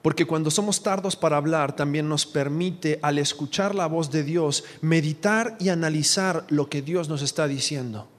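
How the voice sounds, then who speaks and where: A man preaching a sermon with a fairly high voice. He speaks with emphasis and keeps asking the congregation questions. His voice rings out with the long reverb of a church hall. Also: moderate pace, hardly any pauses. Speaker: pastor.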